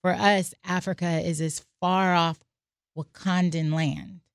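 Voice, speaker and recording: A woman's voice: on the low side, fairly even intonation, slow pace, clean tone, no echo, clean studio sound. An American woman on a podcast, telling reflective personal stories and reading aloud from her journal. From United States. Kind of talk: casual podcast discussion.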